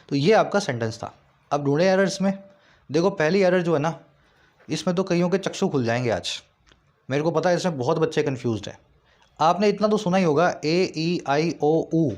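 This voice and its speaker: A man with a fairly high voice teaches English grammar to exam students. He explains each rule patiently, repeats the key points several times and keeps asking his listeners questions. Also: a little mellow. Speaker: English tutor.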